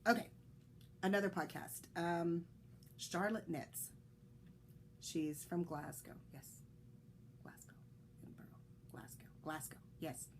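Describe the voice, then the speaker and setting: Whispering slowly with long pauses, a woman talks casually on her solo knitting podcast, rambling with fillers and restarts. Her fairly low voice sounds a little congested, and she coughs.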